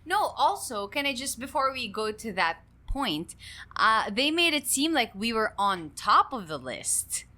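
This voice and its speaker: A woman co-hosting a casual podcast, chiming in with quick questions and short agreements. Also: fairly high pitch, sing-song, pushed and bright. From Philippines. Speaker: podcast co-host. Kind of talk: casual chat.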